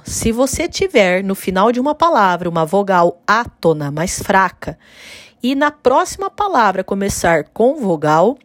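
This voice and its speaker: A woman gives an online literature lesson, explaining clearly and slowing down to sound out syllables. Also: medium pitch, no room sound. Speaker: literature teacher. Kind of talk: online lesson on poetic meter.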